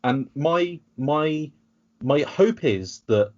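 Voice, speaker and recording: A man's voice: a little high, expressive, drawn-out words, darkish tone, dull audio. A British man talking in a casual podcast chat, rambling and sarcastic, with frequent restarts. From United Kingdom. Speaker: podcast guest.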